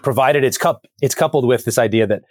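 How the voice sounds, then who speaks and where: In a dry, studio-quality recording, a man of medium pitch speaks a little fast. He is an author appearing as a guest, thoughtfully working through theological ideas in a reflective conversation and often repeating words as he builds a point.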